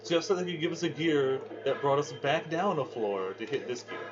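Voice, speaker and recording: A man casually chatting while gaming, sarcastic and quick to complain. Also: on the high side, lively intonation. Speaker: co-host of a gaming channel. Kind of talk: casual let's-play chat. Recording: lo-fi capture with game music.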